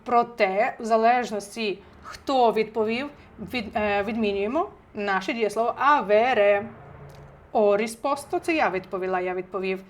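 A woman teaching an online language lesson from home, chatty and lively, talking straight to her viewers, a little under the weather. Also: medium pitch, moderate pace. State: recovering from illness, clears throat. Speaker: Italian teacher. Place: home, indoors.

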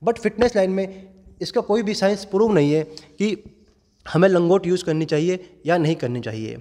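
A man's voice: high-pitched, moderate pace, mellow. A young man in his twenties, a gym owner, earnestly explaining fitness to camera in a large indoor gym through a lapel mic. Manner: earnest, explanatory, addresses viewers as friends. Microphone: clip-on lapel mic held in hand. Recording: long reverb of a gym hall.

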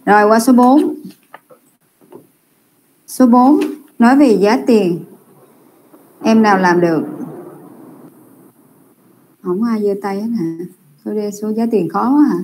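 A young adult woman teaching a class over a computer mic. She explains patiently, stretching out words as she corrects answers. Her voice sits at an ordinary middle pitch. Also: slow, long pauses, mellow. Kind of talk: online Japanese class correction.

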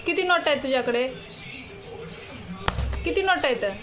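High-voiced mother teasing her child. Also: unhurried. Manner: coaxing, teasing talk with a little child. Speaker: mother and vlogger. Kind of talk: casual family vlog talk.

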